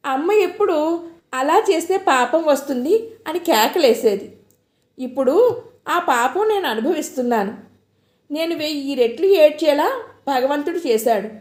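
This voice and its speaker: Woman voicing a hurt, fiery young wife. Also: warm tone. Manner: emotional, reproachful, pitched up. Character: young married woman, hurt, quick-tempered. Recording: echoey room.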